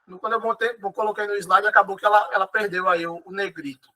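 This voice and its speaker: A man's voice: high voice, steady tone, quick pace, pushed and bright, poor audio. A Brazilian man teaching an online exam-prep lesson. He explains patiently, repeats key words and keeps checking in with his students.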